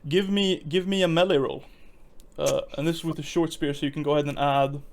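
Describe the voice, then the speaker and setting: A man's voice: fairly high pitch, steady tone, a little fast, gravelly. A man running a tabletop game as game master, talking casually with frequent fillers, restarts and chuckles.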